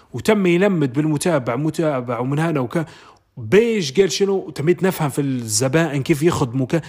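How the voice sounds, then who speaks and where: A man's voice: a little high, a little mellow, slightly rough. A man with a Libyan Arabic accent giving a casual motivational monologue, explaining through everyday examples. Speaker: motivational talker.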